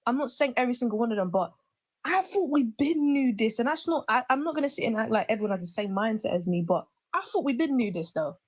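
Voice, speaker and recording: Outspoken woman, slightly high voice. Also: lively intonation, very fast, few pauses, no echo. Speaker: livestream panel guest. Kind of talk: casual opinion talk.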